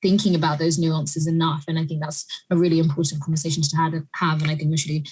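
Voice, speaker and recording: Woman, South African accent, moderator, husky, low voice, fluent. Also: flat delivery, fast, darkish tone, rough recording. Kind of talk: panel discussion.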